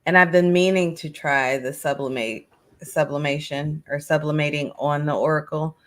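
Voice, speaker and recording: A woman's voice: deep voice, fairly even intonation, normal speed, fairly bright tone. A woman co-hosting a craft livestream in casual chat, rambling and self-deprecating.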